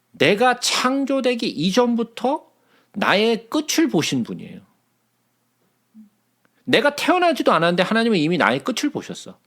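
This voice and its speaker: A man leads a Bible study in a chatty, conversational way. His voice sits a touch high and has a gravelly edge. His pitch rises and falls a great deal as he checks in with his listeners.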